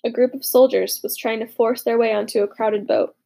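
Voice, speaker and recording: A woman narrating a war story as a young soldier, with dramatic, hushed, urgent delivery in the dialogue. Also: on the high side, steady tone, a little fast, gravelly. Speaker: narrator voicing a boy soldier. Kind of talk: audiobook narration.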